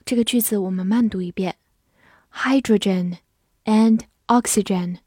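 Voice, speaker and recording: Slow, measured woman teaching vocabulary. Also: mid-range voice, warm tone, no room sound, clean studio sound. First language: Chinese. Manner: spells words letter by letter and reads examples slowly. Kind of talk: scripted vocabulary lesson.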